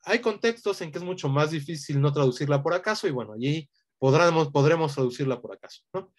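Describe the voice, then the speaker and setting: A man's voice: fairly high pitch, brisk. A man teaching an online language lesson, explaining patiently and often checking in with a questioning tag.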